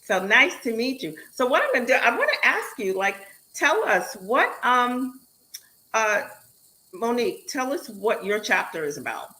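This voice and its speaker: A woman's voice: fairly high pitch, big pitch swings, moderate pace, bright, forceful tone, slight background noise, rough recording. A woman hosting an online interview show, upbeat and encouraging with her guests. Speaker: host.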